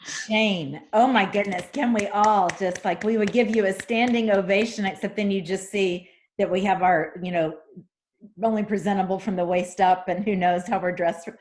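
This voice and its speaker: A woman's voice: medium pitch, steady tone, normal speed, a little mellow, slight background noise. A woman hosting a group video call, effusively thanking the speaker. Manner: gushing, effusive. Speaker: call host.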